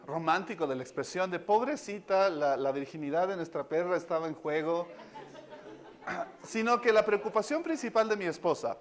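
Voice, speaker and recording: A man giving a devotional talk, telling a personal story in an animated way and chuckling as he goes. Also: fairly high pitch. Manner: animated storyteller, chuckles through his lines. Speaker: devotional speaker.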